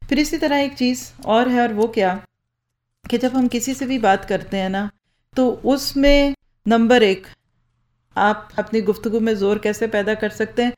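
A woman's voice: fairly high pitch, steady tone, measured pace, darkish tone. Woman lecturing on a microphone. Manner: rhetorical questions, answered herself. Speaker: speaking-skills trainer. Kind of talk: lecture to a live audience. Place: lecture hall with rows of listeners. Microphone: handheld or stand microphone.

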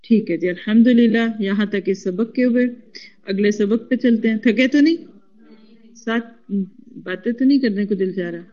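A woman teaching a classroom lesson, spelling out root letters slowly and coaxing the class to repeat after her. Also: medium pitch, mellow, lo-fi sound. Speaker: Quran Arabic teacher.

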